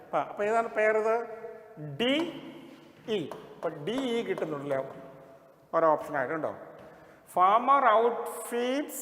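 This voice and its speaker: Male exam coach, Malayali accent, high voice; reads English slowly; roomy echo. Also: lively intonation. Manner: mixes English into explanations, reads English sentences slowly and deliberately. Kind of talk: explaining bank exam questions. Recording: roomy echo with long reverb.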